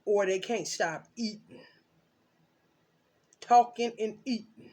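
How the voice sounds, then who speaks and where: A woman on a tarot channel who goes off on a long, rambling rant packed with profanity. She pushes some lines out loud and hard, then drops into low muttering. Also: takes it slowly. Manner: cursing, loud and emphatic, swings between shouting and muttering. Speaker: tarot reader.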